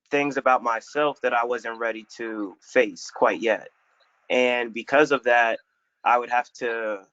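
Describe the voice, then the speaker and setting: A man's voice: medium pitch, a bit bright, no room sound. A young man from Florida telling a personal story on a community panel in a reflective, casual way with some slang. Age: young adult. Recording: dull lo-fi dry recording.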